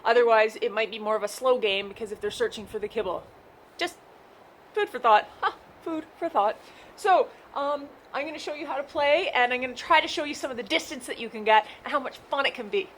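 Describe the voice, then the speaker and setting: A woman's voice: on the high side, fast, fairly bright tone, a little hiss or hum. A woman dog trainer explaining a game outdoors in a chatty, reassuring, unscripted way. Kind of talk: casual instructional talk.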